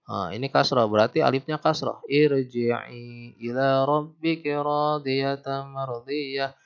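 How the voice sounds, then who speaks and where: A man teaches Arabic grammar in a patient, questioning way and draws out each recited verse slowly. His voice is gravelly and sits in a middle range. The recording is dull and lo-fi. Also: mid-range voice. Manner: patient, quizzes the listener, slows down to recite verses.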